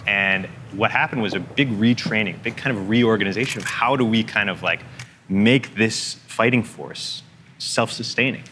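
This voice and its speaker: A man's voice: fairly low pitch, normal speed, pushed and bright, slight background noise. A man who is a journalist, explaining his reporting in a loose, conversational way full of fillers. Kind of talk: interview conversation.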